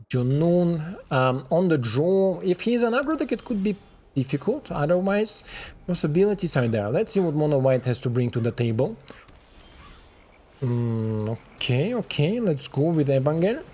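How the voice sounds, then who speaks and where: A man's voice: a little high, dark tone. A man giving casual commentary while he plays a card game, chatting to his opponent and to the game itself. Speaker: streamer playing a card game.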